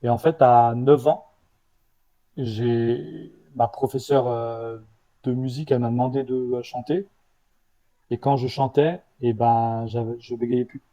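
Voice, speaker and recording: A man with a slight leftover stutter, a startup founder answering interview questions in a halting way, with many restarts. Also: medium pitch, steady tone, warm tone, poor audio. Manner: halting, with restarts and repeated words.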